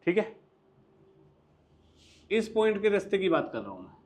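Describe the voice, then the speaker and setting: A young man with an Indian accent teaching a maths class, lively and coaxing, often quizzing his students. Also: sits high, normal speed. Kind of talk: classroom lecture mixing Hindi and English.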